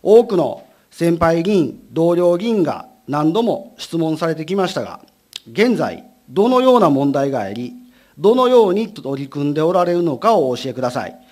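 A man, a city council member, asking formal questions in a council session, measured with many filler pauses. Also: fairly high pitch, very animated, darkish tone.

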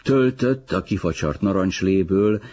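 A man reading a novel aloud as an audiobook narrator in a measured, even manner. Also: deep voice, husky, dull audio. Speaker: audiobook reader.

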